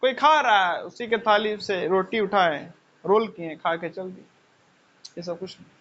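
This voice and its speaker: Male teacher, high and bright, chatty lecture, muffled lo-fi recording. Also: unhurried. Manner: conversational, rhetorical questions, repeats phrases. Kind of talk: lecture with personal stories. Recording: dull lo-fi sound.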